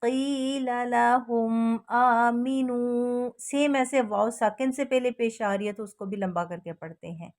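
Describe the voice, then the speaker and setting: A woman teaching a recitation lesson, chanting verses slowly and melodically, then explaining each rule in plain speech. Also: mid-range voice, animated, a little mellow. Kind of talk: slow tajweed lesson with recitation.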